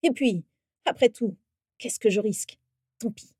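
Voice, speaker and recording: A woman doing a quietly menacing bitter wizard. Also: measured pace, dry recording, studio quality. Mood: muttering. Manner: low, muttering, quietly menacing.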